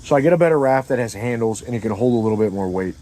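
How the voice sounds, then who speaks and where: An average-pitched man spins a comedic story in casual banter. He is animated and profane, acting out each moment with silly sound effects. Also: rapid-fire, rough recording.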